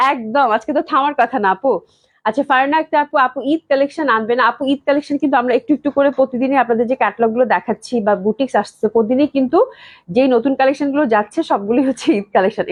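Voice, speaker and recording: A young woman from Bangladesh hosting a live sales stream, reading viewer comments and chatting quickly, often checking in with "okay?". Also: high voice. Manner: rapid, chatty, keeps asking "okay?". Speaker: live-stream clothing seller.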